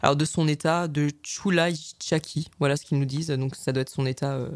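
A man with a fairly high voice presents a film segment on a radio program. He talks in a flat, level tone and hesitates often, filling gaps with drawn-out sounds. The sound is close and dry. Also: no echo. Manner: hesitant, many filler sounds and restarts.

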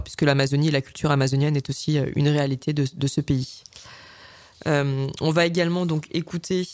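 A man with a fairly high voice presents a film segment on a radio program. He talks in a flat, level tone and hesitates often, filling gaps with drawn-out sounds. The sound is close and dry. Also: dry recording. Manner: hesitant, many filler sounds and restarts.

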